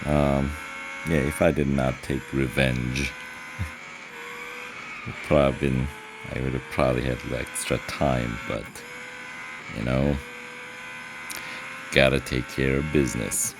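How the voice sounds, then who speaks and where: Very deep, gravelly-voiced man commentating gameplay. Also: noisy background. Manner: relaxed, thinking aloud with many "uh" pauses. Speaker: gaming channel host.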